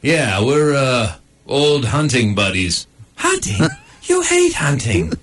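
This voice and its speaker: A man's voice: medium pitch, huge pitch swings, takes it slowly, a bit bright, a little hiss or hum, pitched below the performer's own voice, heavily acted. A man voicing a prissy, flirty female dog who talks coyly and giggles. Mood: suspicious. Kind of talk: comic voice acting.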